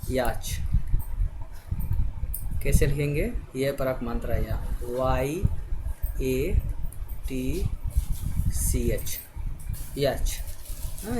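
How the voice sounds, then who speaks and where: A man teaching a spelling lesson, spelling words out letter by letter and often pausing to check that the viewer is following. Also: mid-range voice. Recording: noisy background hiss.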